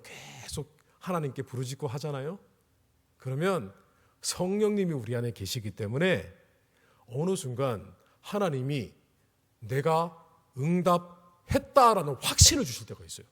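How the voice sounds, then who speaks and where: A middle-aged man preaching in a church hall, his husky, fairly high voice swinging widely in pitch. The long reverb of the sanctuary trails behind his words as he tells his story with deep feeling. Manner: emotional storytelling, rising to pleading cries. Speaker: pastor. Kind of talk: revival sermon.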